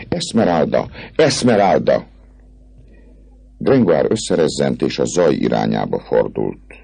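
Deep husky guy reading an old novel aloud, lots of gravel, lively up and down, dry sound. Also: dry recording. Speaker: narrator. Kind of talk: audiobook narration of a classic novel.

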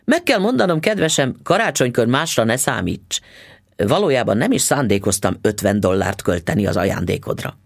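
A man's voice: mid-range voice, big pitch swings, gravelly, no echo, clean studio sound. A man voicing a smug, stingy middle-aged male dentist who talks down to his wife. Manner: patronizing.

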